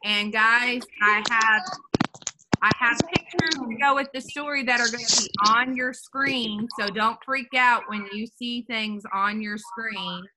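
A woman's voice: fairly high pitch, measured pace, very noisy. A woman teaching a children's Sunday school class over a video call, upbeat and calling on the children by name. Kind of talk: leading a kids' online class.

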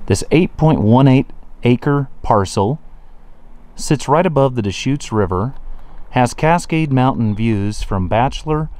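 Brief: man, mid-pitched, easygoing outdoor tour guide, pointing things out. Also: measured pace. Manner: relaxed, enthusiastic, pointing out landmarks. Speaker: real estate video tour narrator. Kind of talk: casual property tour narration. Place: outdoors on a rural lot and riverside.

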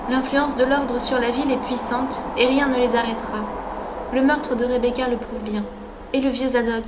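A woman's voice: fairly high pitch, a little hiss or hum. A woman commenting on a video game playthrough, reading the in-game journal aloud and stumbling over words at times. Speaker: let's play host.

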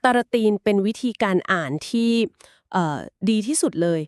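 A woman co-hosting a podcast, calmly and patiently explaining things step by step. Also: mid-range voice, normal speed, no room sound, clean studio sound. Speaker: podcast co-host explaining Quran etiquette.

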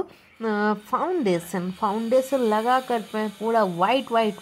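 A woman's voice: medium pitch, slight background noise. Chatty young Indian woman vlogging. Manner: chatty, talks viewers through each step, excited exclamations. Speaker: prank vlogger. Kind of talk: casual vlog narration to camera.

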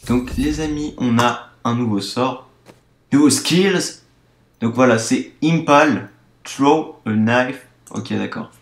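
Excitable teenage gaming commentator. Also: male voice, medium pitch, slow pace, reverberant. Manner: excitable, exclaims often. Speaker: gaming video host. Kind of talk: casual let's-play commentary.

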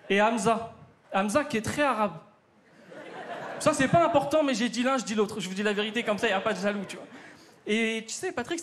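Here a comedian with a high-pitched voice chats his way through a stand-up routine, addressing the theater audience directly. He has a North African French accent, and slight background noise can be heard.

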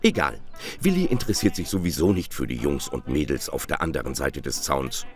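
A man's voice: very deep voice, big pitch swings, brisk, faint music behind. A man narrating a television documentary in a wry, playful scripted style.

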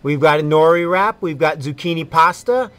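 A man's voice: a little high, normal speed, a bit bright, clear, resonant tone. A man filming an upbeat, friendly walkthrough of a small cafe's new menu on a handheld camera. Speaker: cafe host filming a menu tour. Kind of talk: casual promotional walkthrough. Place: small cafe indoors.

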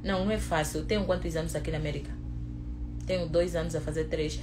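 A woman chatting casually on a livestream, excitable and preachy, swinging from low murmurs to loud encouragement. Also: quick pace, noisy background. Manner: excitable, switches from murmuring to shouting. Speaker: vlogger.

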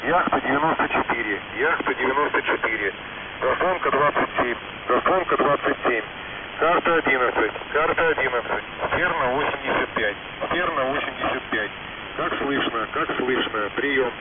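A man calls out code words and numbers over a walkie-talkie, repeating each one twice at a steady, measured beat. His voice sounds thin and narrow, like a phone line, and seems to come from some way off the mic. Loud static hisses under every word. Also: mid-range voice. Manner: repeats each call sign twice in an even, steady cadence. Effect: over a walkie-talkie radio. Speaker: radio operator. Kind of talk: reading radio call signs. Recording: tinny, distant radio transmission with loud hiss.

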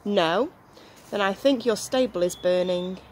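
A woman's voice: mid-range voice, measured pace, darkish tone, rough recording. A middle-aged woman reading one-liner jokes aloud outdoors. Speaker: joke reader. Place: small back garden, outdoors. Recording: faint outdoor background noise.

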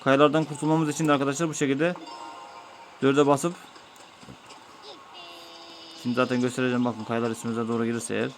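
A man's voice: mid-range voice, little pitch movement, very fast, faint music behind. A man giving let's-play commentary, patiently explaining each step of an old game to his viewers. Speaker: gaming YouTuber.

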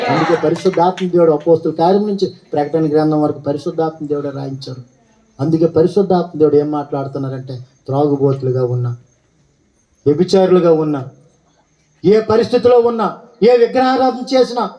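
A male pastor giving a sermon, asking rhetorical questions, calling for amens and repeating phrases, rising into shouted blessings. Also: on the high side, steady tone, fast, highs cut off. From India.

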